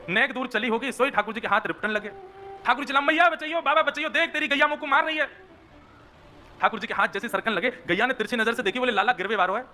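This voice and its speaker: A man telling a devotional story as a sermon, animated and folksy, with acted voices. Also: high voice, slight background noise. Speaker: devotional preacher.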